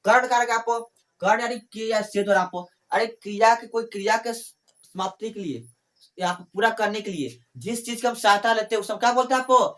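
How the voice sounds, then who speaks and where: A man's voice: high voice, a bit bright. Man teaching grammar, asking his own questions. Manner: repeats phrases, asks and answers his own questions; fills pauses with "ठीक है" and "आपको". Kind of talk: classroom grammar lesson.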